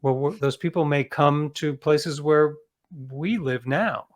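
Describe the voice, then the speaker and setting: Speaking with a fairly high pitch, this American interview guest talks earnestly and conversationally, often stopping to rephrase his explanations mid-thought.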